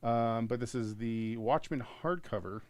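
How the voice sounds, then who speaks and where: A tired man hosting a live comic-book sale, cracking jokes and laughing between his picks. His pitch sits right in the middle, and his delivery is loose and casual, like easy talk with a friend. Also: a little slow, a little mellow, no room sound. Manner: goofy, joking, laughs often. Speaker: co-host selling comics. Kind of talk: casual live-stream sales chat.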